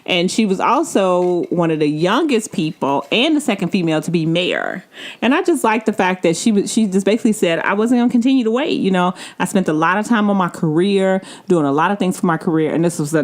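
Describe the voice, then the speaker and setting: A woman's voice: mid-range voice, a little mellow. A woman co-hosting a casual talk show, easygoing, steering the conversation from one topic to the next. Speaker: co-host. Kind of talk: casual chat.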